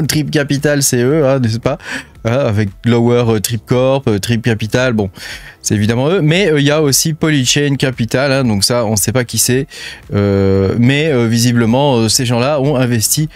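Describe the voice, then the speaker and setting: At medium pitch and a moderate pace, with no echo, the French-accented host of a crypto channel chats his way through apps on his screen. It's a laid-back screen-share full of fillers and "hein," and he addresses the viewer as "tu."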